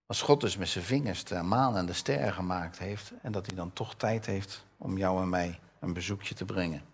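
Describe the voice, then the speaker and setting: A man's voice: low-pitched, moderate pace, husky. An older man preaching a conversational sermon, reading Bible verses aloud and asking his listeners questions. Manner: conversational, asks the audience questions; reads scripture with raised voice.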